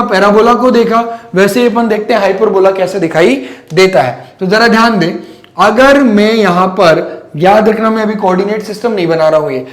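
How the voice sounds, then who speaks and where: Male physics teacher, high voice, keeps checking that students follow, echoey room. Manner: mixes English math terms into his talk. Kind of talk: classroom lecture.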